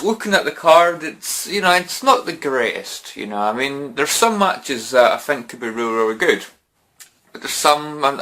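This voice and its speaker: A man's voice: medium pitch, sharp tone. A man giving casual wrestling predictions to camera, rambling with lots of fillers and restarts. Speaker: wrestling fan vlogger.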